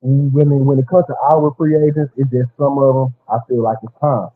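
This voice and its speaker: A man calling in to a casual sports chat, his voice muffled as if through a wall, giving blunt, quick opinions. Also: medium pitch, flat delivery. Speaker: call-in guest. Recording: muffled phone-like call line.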